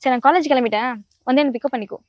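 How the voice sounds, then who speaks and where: A tearful young Maha. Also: female voice, sits high, racing, dry recording, highs cut off. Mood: teasing. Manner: soft, emotional, pleading. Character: tender young woman Maha, orphaned and longing. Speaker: young woman in love, college student. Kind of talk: romantic web series acting.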